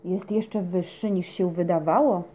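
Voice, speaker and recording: A woman voicing a curious, adventurous female cat in a children's audio story, eager and excitable. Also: fairly low pitch, a little slow, slight background noise, lightly acted. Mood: determined. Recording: dull lo-fi recording.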